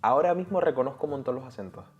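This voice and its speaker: A young man from Tenerife with a Canarian Spanish accent, talking as an interview guest in a relaxed, chatty way. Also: medium pitch, racing, highs cut off. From Tenerife, Canary Islands. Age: young adult. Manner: relaxed, chatty, peppers speech with "¿sabes?" and "tío". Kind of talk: casual conversational interview.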